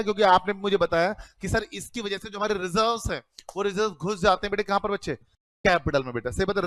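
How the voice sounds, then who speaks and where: High-voiced man teaching a class. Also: fairly bright tone, dry recording. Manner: calls students "beta", asks and answers his own questions. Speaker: accounting teacher. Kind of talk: classroom lecture.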